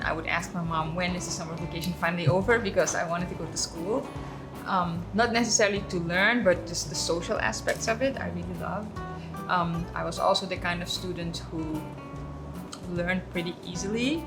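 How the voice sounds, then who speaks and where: A middle-aged woman from Suriname chats as a guest in a cafe. She talks in a relaxed, storytelling way, her pitch sitting a bit low. Guitar music plays clearly under her voice. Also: rough recording. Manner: relaxed, storytelling, frequent ums and uhs. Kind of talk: casual interview chat.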